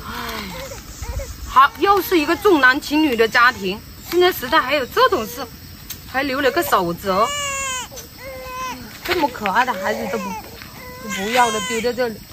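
A woman's voice: sits high, sing-song, normal speed, pauses often, noisy background. A woman playing a tearful young rural mother, pleading and crying. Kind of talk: rural skit acting.

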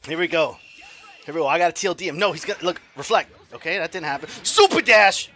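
A man giving live commentary on his own fighting game match, excitable, swearing and trash-talking. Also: fairly high pitch, rapid-fire, faint music behind. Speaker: gaming streamer.

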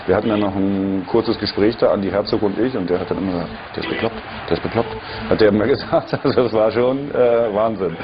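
A man's voice: lowish voice, fast talker, few pauses. A man, a former footballer, telling anecdotes casually in an interview. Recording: dull broadcast audio, music behind. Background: music.

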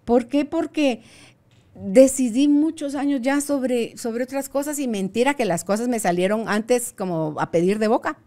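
A woman, hosting a casual conversation and telling stories in a lively, playful way. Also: fairly high pitch, normal speed. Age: 60s. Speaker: podcast host.

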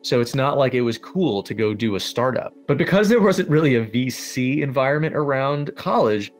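A man's voice: medium pitch, lively intonation, normal speed, faint music behind. A man in his thirties answering interview questions conversationally, often saying "you know". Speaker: interview guest.

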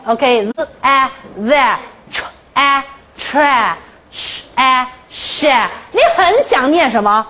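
High-voiced woman teaching a phonics class. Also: expressive, sharp tone, a little hiss or hum. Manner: drills the class with counted chants and quick questions; playful, teasing questions. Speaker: English teacher. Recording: dull lo-fi classroom recording.

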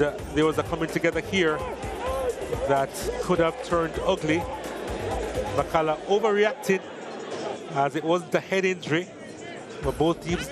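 A man giving measured football commentary over match highlights, reading lineups and stats.

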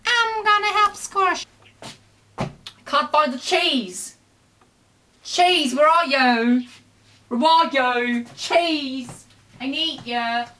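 A young woman with a high, bright voice speaks extremely slowly and forcefully, pausing often as she rambles to her pet bird while making lunch. It's a casual cooking vlog shot in her small home kitchen on a handheld camera, and the audio is noisy.

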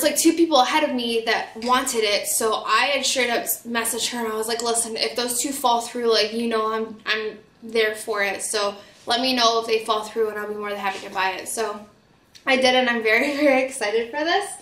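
A woman's voice: fairly high pitch, steady tone, brisk, fairly bright tone, roomy sound. A woman vlogging a casual shopping haul while getting over a cold, chatty and full of fillers. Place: home studio.

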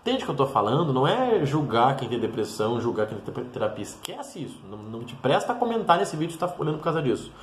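A man's voice: medium pitch, very animated, quick pace, few pauses, slight background noise. A man talking bluntly and emphatically straight to the viewer in a motivational monologue. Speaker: mentor and vlogger. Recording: roomy echoey room.

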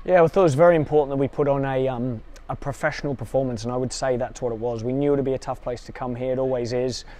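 Standing by the pitch after the game, a football coach in his thirties answers interview questions with fairly even intonation and a warm tone. His speech is measured but quick, broken by small restarts.

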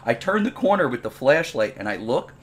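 A man's voice: medium pitch, fairly quick. A man teaching a programming class from his home, telling a funny story in a casual, exaggerated, self-mocking way. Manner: animated, comically exaggerated, self-deprecating. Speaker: programming instructor. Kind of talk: casual storytelling before a lesson. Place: at home, dining room table.

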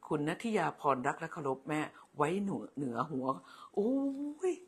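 A woman's voice: low voice, lively intonation, moderate pace, slightly rough. An older woman hosting a casual livestream, chatting in a motherly way, calling viewers "child" and thanking them by name. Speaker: livestream host.

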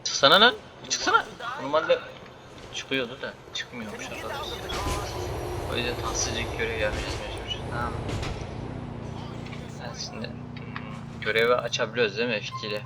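A young man giving loud, joking commentary while playing a game, swearing and shouting at the characters on screen. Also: mid-range voice, fairly quick, pauses often, noisy background. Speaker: gaming YouTuber. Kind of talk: casual gameplay commentary.

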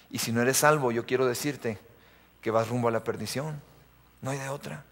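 Emphatic preacher in a reverberant church. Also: male voice, medium pitch. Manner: emphatic preaching with repeated refrains and questions to the audience. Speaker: youth preacher. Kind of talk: live sermon to young people. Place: church sanctuary. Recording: long reverb of a church hall.

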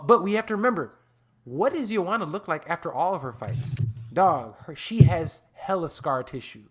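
A man hosting a casual fight podcast roundtable, cursing freely, getting excited and laughing often. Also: fairly high pitch. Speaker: podcast host. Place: home podcast setup.

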